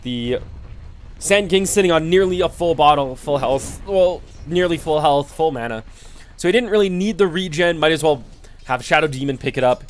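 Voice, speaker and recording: A man's voice: fairly high pitch, animated, fairly quick. A man commentating a video game match alone, laid-back and explanatory with many fillers, sleepy and yawning. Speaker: esports commentator. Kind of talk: solo play-by-play game commentary.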